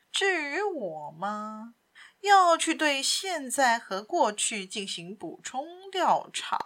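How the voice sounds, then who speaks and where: A woman voicing a suave gentleman thief in a storybook reading, speaking with cool sarcasm. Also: a little high, heavily acted. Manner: sarcastic, coolly teasing. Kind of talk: audiobook character voice.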